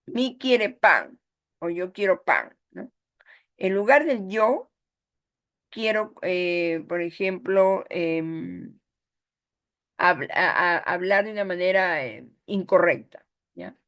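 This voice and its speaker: A woman's voice: fairly low pitch, expressive, slow pace, gravelly, pauses often. A woman with a Peruvian Spanish accent, teaching a course and often checking in with "¿ya?" and "¿no?". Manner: explanatory, frequent "¿ya?" and "¿no?" checks. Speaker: course instructor. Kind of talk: online lecture.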